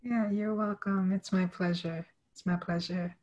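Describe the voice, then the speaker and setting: A woman with a lowish voice leads an online group workshop. She talks in loose, short phrases and fills the gaps with fillers as she invites questions from the group. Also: fairly even intonation, measured pace, a little mellow, lo-fi sound. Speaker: workshop facilitator.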